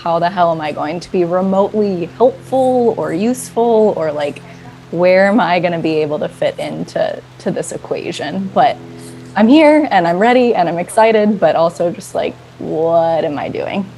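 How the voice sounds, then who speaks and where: Theater woman, a bit low voice, expressive and lively recounting. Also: moderate pace, a little hiss or hum, poor audio. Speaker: theater artist and actor. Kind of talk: casual interview recollection.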